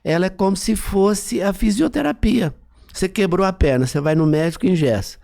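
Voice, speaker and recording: A man's voice: sits high, brisk, creaky, darkish tone. A man, a psychologist guest on a podcast, explaining things in a teaching manner and often checking that he is understood.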